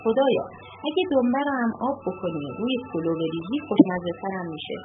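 A woman's voice: mid-range voice, sing-song, natural voice. A woman voicing a poor, simple shepherd praying fervently in homely words, on a narrow phone-like recording with music behind. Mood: devoted. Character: poor simple shepherd man, devoted and naive.

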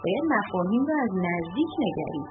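Woman as a serene dervish teacher, steady measured speech, tinny line, background music. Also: on the low side. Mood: calm. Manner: calm, measured. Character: calm wise male dervish teacher. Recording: narrow phone-like sound with music.

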